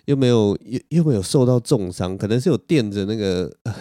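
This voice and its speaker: A young man talks through a casual podcast story in a low, mellow voice. He rambles and pokes fun at himself. The recording is dry and close. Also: lively intonation, a little fast, dry recording. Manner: rambling, self-mocking, with frequent laughs and restarts. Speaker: podcast host.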